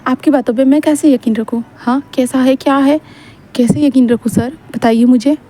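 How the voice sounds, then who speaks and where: A woman's voice: sits high, fairly even intonation, moderate pace, mellow. A woman doing a whiny young male student. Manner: pleading, protesting questions.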